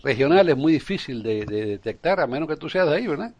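A man's voice: a little high, big pitch swings, fast talker, darkish tone. A Cuban man co-hosting a podcast in casual chat, hesitant, with many fillers and restarts. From Cuba. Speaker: podcast co-host.

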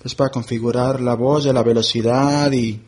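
A man presenting a relaxed tutorial, explaining app settings step by step and thinking aloud as he goes. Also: mid-range voice, moderate pace, noisy background. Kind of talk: screen-reader app walkthrough.

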